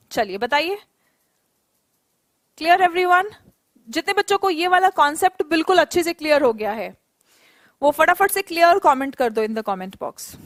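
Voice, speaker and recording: A woman's voice: sits high, dry recording. A young Indian woman teaching an online English class, mixing Hindi and English, coaxing her students and drawing out her English example sentences.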